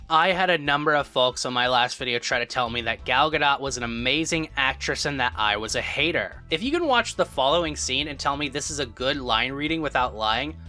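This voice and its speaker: A man's voice: mid-range voice, pushed and bright. A man narrating a scripted video review as a film critic, sarcastic, exasperated and given to hyperbole.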